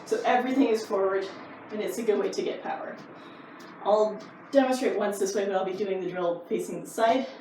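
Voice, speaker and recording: A woman's voice: mid-range voice, fairly quick, mellow. A woman karate instructor explaining techniques in a casual, easygoing, informal way. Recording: roomy echo, distant mic, faint noise.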